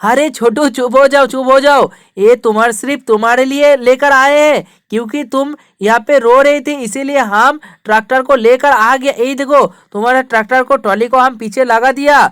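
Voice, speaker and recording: High-voiced woman hosting toy play. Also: steady tone, normal speed, few pauses, smooth, dry recording, studio quality. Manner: scolding, then showy and upbeat. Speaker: toy video host playing big brother. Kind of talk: toy play-acting for kids.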